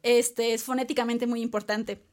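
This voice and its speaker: A woman's voice: on the high side, little pitch movement, normal speed, a little mellow. A woman with a Mexican Spanish accent, co-hosting a casual chat in a chatty, playful way with lots of fillers and asides.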